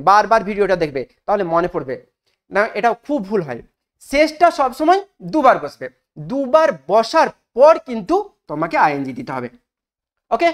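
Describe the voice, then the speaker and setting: A woman teaches English grammar, stopping often to put questions to her students and going over each rule again, slowly and with emphasis. Her voice sits a little high and moves a lot from phrase to phrase. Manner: asks the class questions and repeats rules slowly for emphasis. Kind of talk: spoken grammar lesson.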